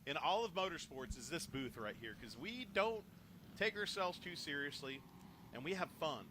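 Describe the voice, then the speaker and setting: A man calling a short-track car race from the announcer booth, getting loud and high on restarts and crashes and bantering with his partner between calls. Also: animated, normal speed, background noise. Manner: rises sharply in pitch and volume on restarts and wrecks, joking banter between calls. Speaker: race commentator. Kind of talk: live race commentary.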